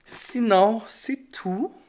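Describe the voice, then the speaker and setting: A male elementary schoolteacher with a Quebec French accent speaks in a high-pitched, darkish voice, drawing out his words. Congested and tired, he chats frankly and ramblingly to camera in a casual vlog recorded on the camera mic.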